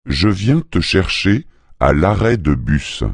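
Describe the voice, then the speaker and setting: A man reading phrases slowly and deliberately for language learners. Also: deep voice, very animated, gravelly, dry recording, studio quality. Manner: slow, deliberate, careful. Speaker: phrase reader. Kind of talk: slow phrase drills for learners.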